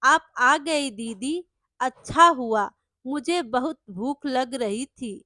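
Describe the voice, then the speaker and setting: A woman voicing a frail, sick young woman who speaks softly and weakly, in a storybook reading. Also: high-pitched, slow, no room sound, studio quality, full character voice.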